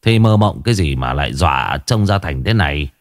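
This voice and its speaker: A man voicing a gruff middle-aged village husband, who talks curtly and coarsely. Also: very deep voice, animated, a little fast, dry recording, studio quality, voice pushed down. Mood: gruff, dismissive. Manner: curt, dismissive and coarse.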